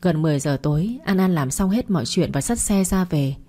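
A woman narrates a romance story and voices the characters' dialogue herself. Her voice sits on the low side and sounds warm and mellow. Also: animated, fairly quick.

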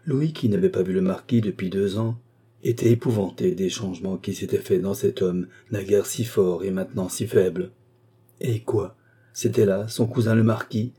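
A man narrating an audiobook in a measured, deliberate manner. His voice is very dark and mellow, with a husky edge, set fairly low. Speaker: audiobook reader.

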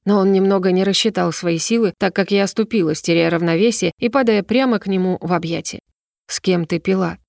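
A young woman narrating a first-person fantasy romance audiobook with an even, steady reading. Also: mid-range voice, fast talker, gravelly, hardly any pauses, dry recording, studio quality.

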